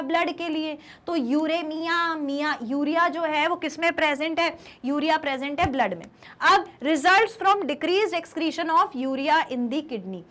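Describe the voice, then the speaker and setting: A woman teaching biology for an exam. She mixes languages, reads definitions slowly and asks the class rhetorical questions. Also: high-pitched, a bit bright. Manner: explains in Hindi mixed with English, asks rhetorical questions; reads English definitions slowly, then explains fast. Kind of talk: exam-prep lecture.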